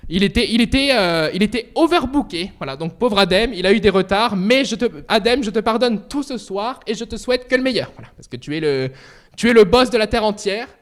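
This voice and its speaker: An excitable man in his twenties hosts a casual livestream chat. His voice sits very high for a man and swings widely up and down. He swears freely and keeps breaking into playful outbursts. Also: brisk. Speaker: streamer.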